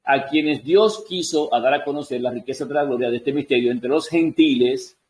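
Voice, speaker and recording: A man's voice: mid-range voice, moderate pace, darkish tone, poor audio. Man teaching a Bible study lesson. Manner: reads scripture aloud, then asks and answers his own questions; adjusts on-screen text while talking. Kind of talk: Bible study lesson reading and explaining verses.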